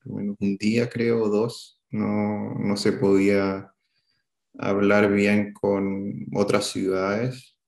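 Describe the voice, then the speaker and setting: A Chilean man in his thirties recalls a past event during an interview, speaking Chilean Spanish in a low, flat, gravelly voice. His delivery halts often, full of fillers and restarts, and the room is echoey.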